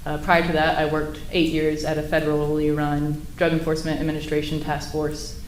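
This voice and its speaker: A sheriff's intelligence commander takes the stand as an expert witness, describing things procedurally in a deep, monotone voice at a fairly quick pace. The courtroom is indoors, and the audio carries echo and faint noise.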